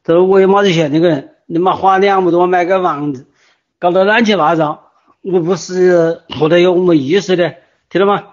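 This resident, an older man close to retirement age, speaks briskly in a high voice with fairly even intonation and a Wuhan accent. His voice messages to the group chat are casual yet agitated and distraught, full of insistent, repetitive pleas and warnings, and the audio comes through muffled and lo-fi.

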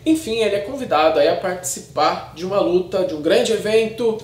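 A Brazilian man in his thirties chattily reviews a film to camera in slangy, casual speech full of tag questions. His voice is high-pitched, animated and a little fast, recorded in a small, echoey, untreated room lined with shelves of discs.

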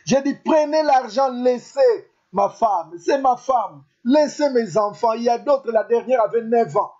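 A man's voice: extremely high pitch, expressive, a little slow, darkish tone. A man preaching a sermon as a pastor, emphatic and repetitive, calling out to his listeners over and over. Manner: emphatic, repetitive, calls out "beloved" constantly. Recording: dull lo-fi sound.

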